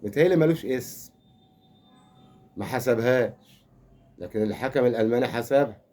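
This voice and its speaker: A football fan commentator, this older Egyptian-accented man has a mellow mid-range voice and talks a little fast. His comic rant about football is rambling and teasing, laced with mock consolation.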